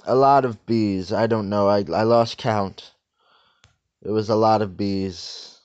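Slow, soothing deadpan man. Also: on the low side, smooth, muffled recording. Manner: slow, calm, soothing delivery with deadpan repetition. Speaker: host of a parody meditation video. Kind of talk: deadpan parody of a guided meditation.

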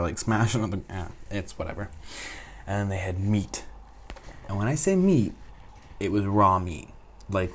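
A man chatting casually to the audience, telling an animated story and laughing often. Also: fairly low pitch. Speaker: vlogger recounting a trip.

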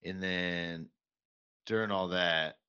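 Low bright-toned man, lo-fi podcast. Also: steady tone, slow, clean tone. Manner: profane storytelling, exasperated. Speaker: podcast co-host. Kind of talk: casual chat. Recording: dull lo-fi podcast mic.

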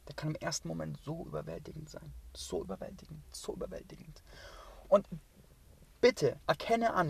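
A man delivering an impassioned motivational monologue as a spiritual coach. He talks intensely and emphatically, repeats phrases, swears, and sometimes drops to a hushed half-whisper. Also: on the high side, creaky, husky.

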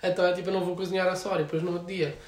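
Young guy w european portuguese accent, high voice, rambly slangy chat, echoey room. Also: level tone, rapid-fire. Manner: slangy, filler-heavy, rambling. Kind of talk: casual chat.

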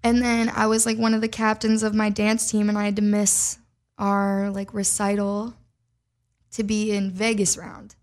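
Speaking at normal speed, this young Minnesota woman delivers her story in a medium-pitched, completely flat voice. She's a singer guesting on a podcast, and her casual account leans heavily on "like."

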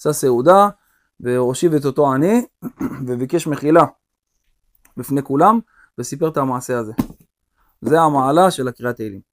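Animated male rabbi telling a story. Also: mid-range voice, pauses often. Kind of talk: storytelling in a religious lesson.

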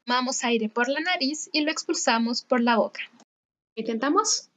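A young Chilean woman with a Chilean Spanish accent, teaching Spanish pronunciation and slowly repeating example words. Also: high voice, a bit bright. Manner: slow, carefully articulated repetition of words. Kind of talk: pronunciation lesson.

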